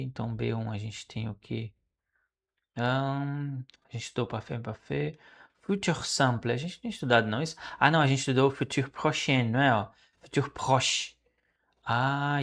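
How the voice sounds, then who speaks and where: Man, native portuguese speaker, gravelly voice, casual self-study talk, slow careful repeats. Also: medium pitch. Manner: repeats French phrases slowly, self-correcting and musing. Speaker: language learner streaming his study. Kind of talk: casual study vlog, thinking aloud.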